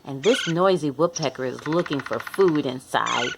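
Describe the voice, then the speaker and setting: Hosting a children's read-along, a woman reads a picture book expressively, talking directly to young children and acting out animal sounds. Her low voice is animated with vocal fry at a moderate pace, against a noisy background.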